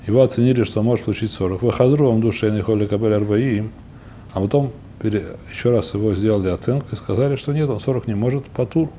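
Guy teaching talmud class, talks fast, kinda mellow, keeps rephrasing and hunting for words, bit of rumble. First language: not a fully fluent Russian speaker by own account. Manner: searching for words, repeats and rephrases himself. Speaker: religious teacher. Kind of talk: informal Talmud lesson, explaining and translating.

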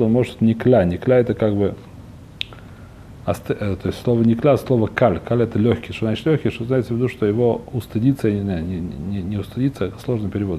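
A man gives an informal Talmud lesson at a quick clip in a mellow, fairly low voice. He repeats himself and hunts for words as he explains. The recording has a faint rumbling noise behind him. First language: not a fully fluent Russian speaker by own account. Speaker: religious teacher.

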